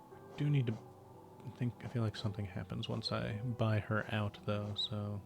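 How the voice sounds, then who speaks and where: A man streaming a video game, thinking aloud in a relaxed, muttering way. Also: on the low side, moderate pace, vocal fry, music in the background. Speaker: gaming streamer. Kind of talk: let's play commentary.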